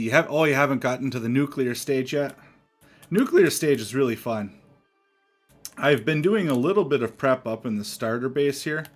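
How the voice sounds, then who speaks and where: A man doing casual live gameplay commentary, thinking aloud and chatting to viewers as a streamer. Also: mid-range voice. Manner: thinking aloud, often chuckling. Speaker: game streamer.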